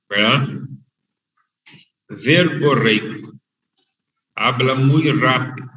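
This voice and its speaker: A man lecturing a medical class, explaining terms slowly and repeating the key words. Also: medium pitch, fairly bright tone. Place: online class. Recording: echoey, dull, far from the mic over an unstable online connection.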